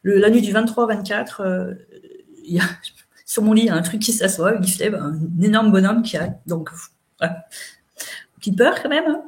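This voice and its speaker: A woman's voice: medium pitch, expressive, normal speed, long pauses, darkish tone. A middle-aged woman, an interview guest, chatting casually as she recounts events and quotes what people said.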